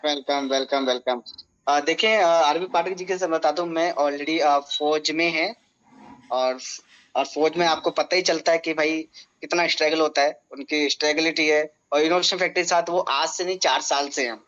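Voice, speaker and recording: A man hosting an online meeting, speaking in a measured way with hesitant fillers. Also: fairly high pitch, fairly even intonation, a bit bright, muffled recording. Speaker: meeting host.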